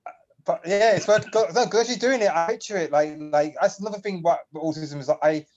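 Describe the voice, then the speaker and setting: Guest, male, higher-pitched, rambling and emotional, muffled lo-fi call audio. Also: brisk, darkish tone, slight background noise. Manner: rambling, emotional, laughs often. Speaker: guest on a community video call. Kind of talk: casual chat.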